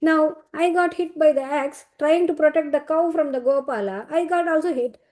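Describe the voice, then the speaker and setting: A woman's voice: high-pitched, moderate pace, darkish tone, close to an everyday voice. A woman voicing Srinivasa, a wounded and poor male god, who pleads for help. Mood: pleading. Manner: plaintive, pleading.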